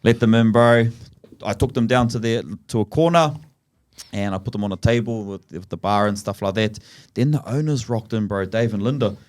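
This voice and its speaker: Kiwi guy with a real broad accent, lowish voice, matey slang, just yarning. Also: brisk, darkish tone. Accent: broad New Zealand. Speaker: podcast host and storyteller. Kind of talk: casual chat, yarning anecdote.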